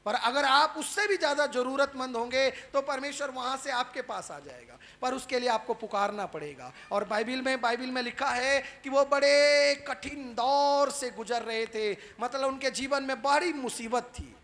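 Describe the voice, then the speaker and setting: High-voiced man preaching a sermon. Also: normal speed, few pauses. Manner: peppers every point with rhetorical "right?" tag questions; asks the crowd question after question, then swings between loud calls and quiet asides. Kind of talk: sermon to a live congregation.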